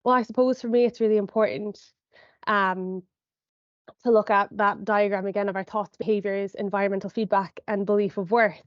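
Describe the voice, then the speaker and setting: Presenting online to parents over a video call, this young sport and exercise psychologist sounds sniffly from a cold and keeps hedging with ums and "I suppose" as she explains. She speaks at a moderate pace in a mid-range voice with fairly even intonation. The recording has no echo, but its highs are cut off.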